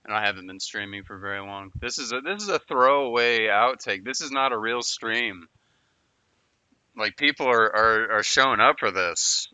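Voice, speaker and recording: A man's voice: fairly low pitch, lively intonation, moderate pace, pushed and bright, clear, resonant tone, no echo. A man chatting casually on a livestream, rambling and often repeating and restarting his words. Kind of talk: casual stream chat.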